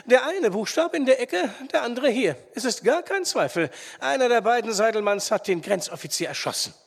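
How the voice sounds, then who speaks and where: A man voicing a blunt, gruff old forester who shouts when excited and grumbles low, in reverberant sound. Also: measured pace, heavily acted. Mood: alarmed, excited.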